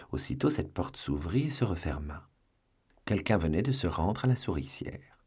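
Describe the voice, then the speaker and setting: A man narrating a classic novel aloud in an audiobook. His voice is very low and husky. His pitch moves widely as he tells the story. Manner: expressive storytelling.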